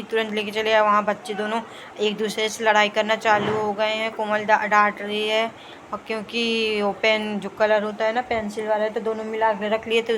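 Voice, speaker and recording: A young woman talks the viewer through her household routine in a chatty, casual voice-over. Her pitch sits in an ordinary middle range but barely moves, giving an even, level delivery. A faint layer of household noise sits beneath her voice. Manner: chatty, running commentary on home routine. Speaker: vlogger. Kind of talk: casual vlog narration. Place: home.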